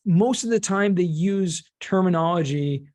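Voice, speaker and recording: A middle-aged American man from California speaks as a guest on a conversational podcast interview, explaining things in plain words. He is a cost segregation expert and former teacher. His voice is high-pitched and darkish in tone, and he takes his time.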